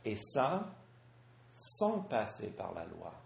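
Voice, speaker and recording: A man preaching in French at a slow pace, his pitch rising and falling in lively swings. He stops often for his interpreter and asks rhetorical questions, and the sound is echoey. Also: creaky, slight background noise. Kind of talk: sermon with live interpretation.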